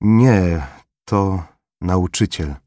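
A man's voice: low-pitched, animated, slow, a little mellow, no echo, clean studio sound, exaggerated voice. A man voicing a terrified Kashubian man who stammers and speaks timidly. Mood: stammering. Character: frightened Kashubian man, trembling.

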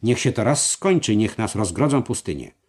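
A man voicing a fiery, bloodthirsty crusader knight who bursts into shouted outbursts. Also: fairly low pitch, very animated, normal speed, slightly rough, pitched above the performer's own voice.

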